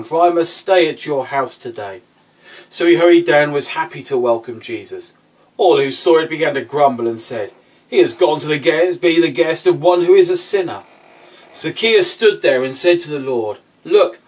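A man, a priest, reading scripture and then preaching a sermon in a measured, deliberate way. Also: on the high side, rough recording.

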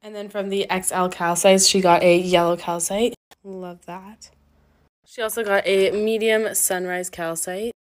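A woman's voice: mid-range voice, steady tone, measured pace. A young woman who runs a small shop, chatting casually and upbeat as she lists items one by one while packing orders. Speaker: crystal shop owner.

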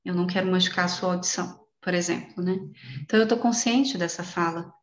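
A woman guest speaker explaining mindfulness in a lively way with personal examples, speaking on a video call. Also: lowish voice, quick pace. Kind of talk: explanatory talk in an online meeting. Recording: roomy, dull call audio.

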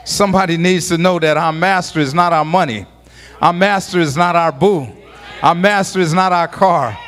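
A man preaching a sermon as a pastor, building to shouted, rhythmic lines full of repetition. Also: fairly high pitch, normal speed. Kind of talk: call-and-response sermon.

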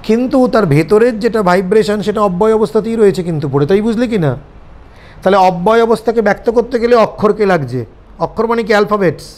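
A man's voice: sits high, darkish tone. A man with a Bengali accent giving a seminar lecture, explaining ideas and often checking that his listeners follow. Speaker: seminar teacher. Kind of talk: lecture to students.

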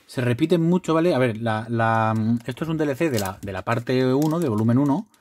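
A man from chatting casually while opening trading card packs, rambling with restarts and breaking into loud swearing excitement at rare cards. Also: medium pitch, a little fast, a little hiss or hum. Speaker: card collector vlogger. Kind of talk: casual unboxing chat.

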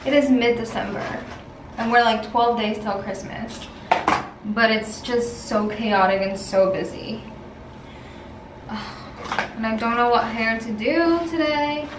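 A woman's voice: a little high, a little slow. Chatty young woman vlogging to camera. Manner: chatty, rambling, talks to camera. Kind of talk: casual daily vlog. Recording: noisy handheld vlog audio.

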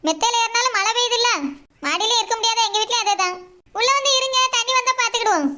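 A woman voicing a calm, comforting village mother with a Tirunelveli Tamil accent. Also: extremely high pitch, fast talker. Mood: reassuring. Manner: soothing, reassuring. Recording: loud hiss behind voice.

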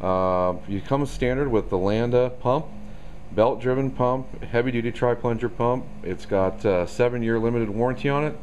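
A man's voice: mid-range voice, moderate pace, a little mellow, slight background noise. A man giving a casual product walkaround demo of a machine in a store showroom, talking loosely with many ums and uhs. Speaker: equipment salesman.

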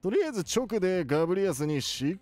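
Male performer as wise old-man professor gaming, high voice, very animated swings, playful exclamations, music underneath. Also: quick pace. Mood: cheerful, explaining. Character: elderly cartoon professor, excitable old man gamer. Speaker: gaming video host. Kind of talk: video game commentary.

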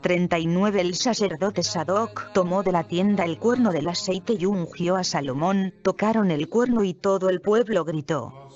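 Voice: mid-range voice, darkish tone. A reader giving a scripted scripture reading, steadily announcing each verse number aloud. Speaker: Bible reader. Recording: dull recording with faint music behind.

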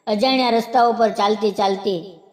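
A woman narrating a scripted story in a slow, solemn storytelling manner. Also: mid-range voice, steady tone. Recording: roomy with long reverb.

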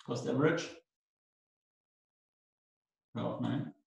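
A man's voice: medium pitch, very slow, gravelly. A man in his thirties, hosting, putting in brief questions and suggestions. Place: office room. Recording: very echoey room, distant mic.

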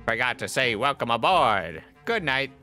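A man's voice: mid-range voice, sing-song, normal speed, pushed and bright, soft background music. A man voicing a haughty, insulting male toy lord in a game, sneering and theatrical with a goblin-like voice. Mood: pompous.

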